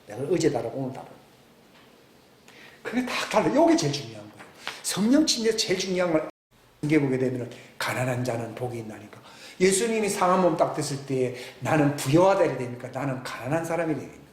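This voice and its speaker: Older pastor preaching in an echoey room. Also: male voice, mid-range voice, sing-song, fairly quick. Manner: swings between loud emphatic questions and hushed near-whispers. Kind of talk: sermon. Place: church sanctuary. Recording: echoey church room with faint background hiss.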